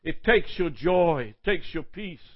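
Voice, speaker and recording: A high-voiced man preaches slowly with lively intonation, piling up long, emphatic lists. He stumbles and repeats words along the way, on a dull, lo-fi recording.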